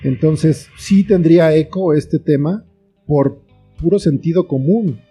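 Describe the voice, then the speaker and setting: This interview guest, a screenwriter and author, speaks with a Mexican accent and offers thoughtful, explanatory replies in a relaxed, conversational manner. His voice sits a little high, unhurried and warm, while faint music plays behind him.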